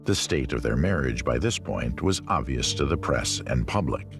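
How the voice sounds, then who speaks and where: Male narrator, very deep voice, deliberate read, faint music. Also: expressive, vocal fry. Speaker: documentary narrator. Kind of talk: scripted narration.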